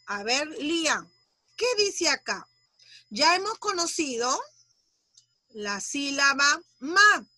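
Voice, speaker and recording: A woman teaching young children in an online class over a video call, patiently sounding out syllables and using gentle diminutives. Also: high-pitched, sing-song, slow pace, long pauses, no room sound. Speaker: primary school teacher.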